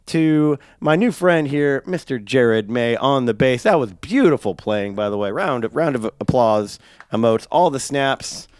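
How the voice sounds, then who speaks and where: A man with a congested, hoarse smoker's rasp, hosting a live stream in a chatty, rambling, playful way. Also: medium pitch, lively intonation, unhurried, a little mellow, no echo. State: congested from a sinus infection, coughing. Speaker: live stream show host and piano player.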